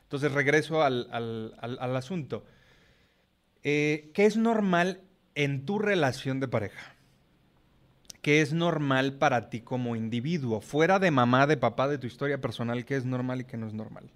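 A man's voice: medium pitch, lively intonation, normal speed. A middle-aged man with a Mexican accent, talking as a podcast guest in a frank, explanatory way and swearing casually. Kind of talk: casual chat.

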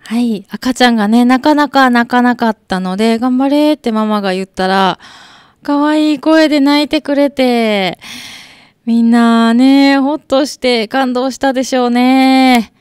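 A woman hosting a community radio show, introducing recorded birth scenes in a gentle, chatty way with soft laughs. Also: on the high side, a little slow, clean tone, no echo, studio quality. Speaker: radio host. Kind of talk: scripted radio presentation. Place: radio studio.

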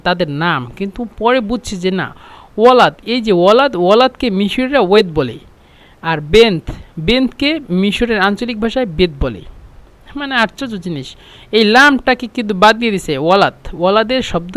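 A man, teaching a spoken Arabic lesson patiently, repeating phrases and filling pauses with "meaning". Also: high voice, a bit bright, no room sound.

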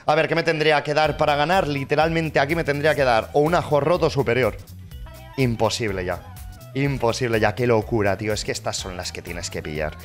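Spanish gaming streamer, swears a lot, goes from mutters to yells, even mid-range voice, faint music under him. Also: male voice, medium pitch, brisk. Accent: Spain Spanish. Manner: swearing, excitable, swings between mutters and loud cheers. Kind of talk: casual commentary while opening cases.

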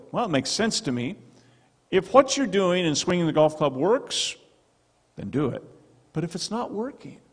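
In a church sanctuary with a stone wall and projection screen, a middle-aged male pastor delivers a sermon with emphatic, animated energy into a handheld mic. His slightly high voice swings widely in pitch, and a long church-hall reverb fills the sound.

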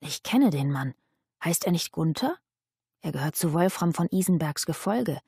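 A puzzled grown man from an audiobook, as a woman reader puts him on, speaking low and plainly in a mellow, warm tone. The voice sits dry and close, with no room around it. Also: animated, normal speed, creaky, slightly rough, dry recording, exaggerated voice. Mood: questioning.

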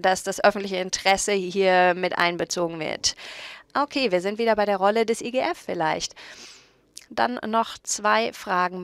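A woman working as a simultaneous interpreter at a conference panel, relaying several speakers in a steady voice and often correcting herself mid-phrase. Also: medium pitch, clear, resonant tone, no room sound.

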